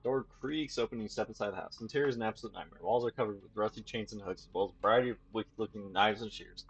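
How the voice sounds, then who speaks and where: A man's voice: lowish voice, racing, breathy edge, dull audio, soft background music. A man reading a video game's text aloud as a let's play host, stumbling and restarting now and then. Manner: plain reading with slips and restarts.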